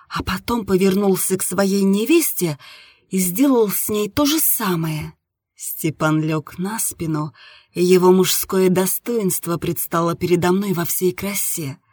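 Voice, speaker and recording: A woman narrating a first-person audiobook in an intimate, steady manner. Her voice is husky and mid-pitched, recorded close and dry with no room sound. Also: no echo.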